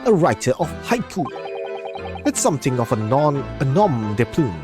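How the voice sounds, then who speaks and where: A woman reading a game script aloud, voicing an excitable, theatrical young male poet prisoner who speaks in grandiose, alliterative phrases. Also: moderate pace. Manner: grandiose, alliterative, lurching pitch leaps. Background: game music.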